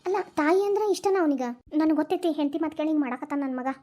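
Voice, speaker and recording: A woman with a high-pitched, racing, mellow voice close to her everyday one does cartoon voice acting as a grieving old mother-in-law. In a North Karnataka Dharwad Kannada accent, her sorrowful performance is lamenting, plaintive dialect storytelling.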